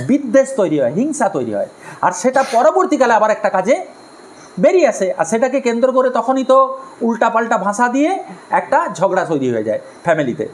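A man giving a moral lecture on family life to a live audience, in an animated way, asking rhetorical questions and acting out harsh and gentle tones of voice. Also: sits high, rough recording. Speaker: spiritual speaker on family life.

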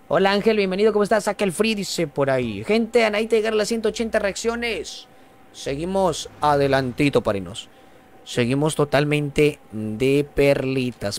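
Upbeat Mexican man streaming a game. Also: fairly high pitch. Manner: slangy, upbeat, chatty with viewers. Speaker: gaming streamer. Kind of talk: live game commentary, reading chat.

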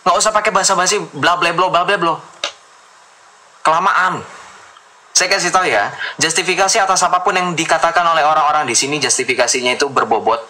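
A combative man, lecturing and mocking as he hosts a heated debate. His speech comes rapid-fire in a slightly high, sharply bright voice. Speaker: debate host.

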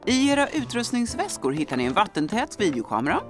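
A woman voicing a cheerful adult female professor who briefs her team in a dubbed cartoon, brisk and instructive. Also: medium pitch, wildly swooping pitch. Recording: music bed behind voice.

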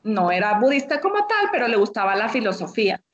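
A woman with a Mexican accent tells her personal story to an interviewer. She speaks in a somewhat high voice and brings the people in her story to life. The audio is muffled and lo-fi, like a call recording. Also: fast, slight background noise. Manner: animated storytelling, acting out what others said. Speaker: interview guest. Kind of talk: personal testimony in a remote interview.

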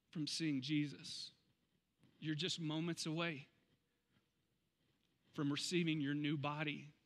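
A man's voice: a little high, a bit bright. Emphatic male pastor in a large hall. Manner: conversational, emphatic, slows for key phrases. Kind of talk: sermon. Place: large church stage, indoors. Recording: long reverb of a large hall.

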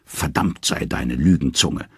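A man voicing a proud, quick-tempered male dwarf smith. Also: rumbling low, fairly bright tone, slightly rough, no echo, studio quality, voice pushed down, heavily acted. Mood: angry.

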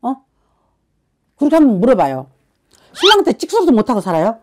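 A woman's voice: on the high side, wildly swooping pitch, fairly quick, noisy background. A woman fortune teller giving blunt counsel, scolding and prodding her client with constant questions. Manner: forceful, scolding, keeps prodding with "어?".

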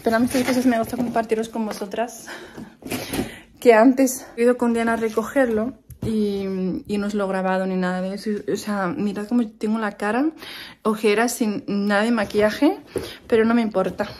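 A woman's voice: on the high side, fairly even intonation, normal speed, a little mellow, a little hiss or hum. A young woman vlogging at home, chatting casually to camera in a rambling way with many restarts.

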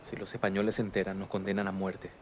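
Un actor haciendo de capitán revolucionario grave y sereno. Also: male voice, low voice, quick pace, a little hiss or hum, lightly acted. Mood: earnest. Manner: calm, earnest. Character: revolutionary captain, grave young man.

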